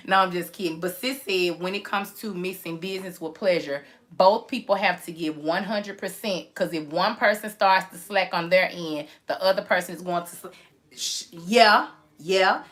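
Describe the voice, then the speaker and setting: Laughing, bright-voiced woman host. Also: lowish voice, normal speed. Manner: laughing, teasing, animated storytelling. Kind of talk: casual chat.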